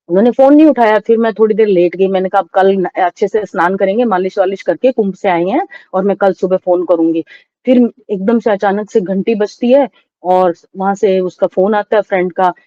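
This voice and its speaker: Sorrowful middle-aged woman, mellow voice. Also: mid-range voice, dry recording, muffled recording. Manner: halting, sorrowful retelling with many restarts. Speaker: interview guest. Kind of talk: emotional personal testimony.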